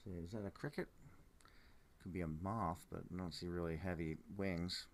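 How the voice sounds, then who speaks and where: A groggy man who has just woken up sells amber specimens on a live auction stream, speaking low at a moderate pace. He muses casually and unhurriedly, sometimes trailing off mid-thought.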